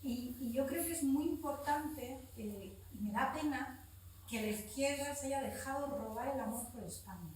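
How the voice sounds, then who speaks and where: A Spanish woman in her forties stands up in the audience at a public event to make an impassioned, spontaneous comment, blunt and frank, swearing casually and restarting often. Her high-pitched voice is a little mellow and comes at normal speed. The recording is distant and echoey, with a little hiss or hum.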